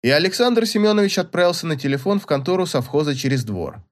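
An expressive male narrator reading classic prose as an audiobook. His voice sits slightly high for a man and swings lively across each sentence, with a dramatic, storytelling delivery. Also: quick pace.

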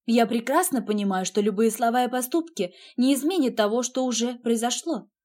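A woman voicing a cold, curt wealthy husband in an audiobook, with a flat, clipped delivery. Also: fairly high pitch, brisk, natural voice.

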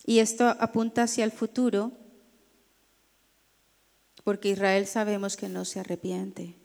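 A woman pastor, teaching a Bible class in a deliberate, emphatic way, pausing often and spelling out names. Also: mid-range voice, little pitch movement, vocal fry, a little mellow. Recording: long hall reverb.

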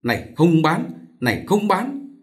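A man's voice: on the high side, sing-song, takes it slowly, a bit bright, voice pushed up, exaggerated voice. A man playing a brutal, furious husband who snarls bullying threats.

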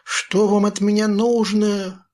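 A man's voice: high-pitched, flat delivery, slow, a little mellow, pitched above the performer's own voice. A man voicing a frightened young boy who cries out in panic and pleads, in a storybook reading.

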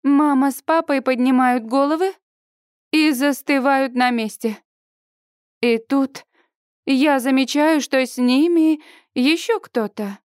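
A woman with a fairly high voice reads a first-person audiobook aloud. Her delivery is lively and expressive. The recording is dry and close, with no room sound. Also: slow pace, no echo. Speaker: audiobook narrator.

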